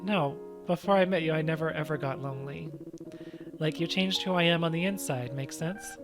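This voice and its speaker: A tough but tender monster man, as a player reads him speaks in a casual, slangy way, quiet and sincere. Game music plays steadily underneath the voice. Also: mid-range voice, normal speed, natural voice. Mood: gentle, wistful. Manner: casual, slangy, soft-spoken when sentimental. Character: gruff, tender monster man, big-hearted tough guy.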